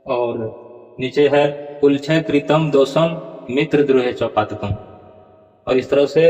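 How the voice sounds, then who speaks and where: A man teaching the pronunciation of scripture verses, slowly repeating words and stressing each syllable. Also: mid-range voice, a little mellow. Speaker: Gita recitation teacher. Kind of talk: explanatory Sanskrit pronunciation lesson. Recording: dull, lo-fi with long reverb.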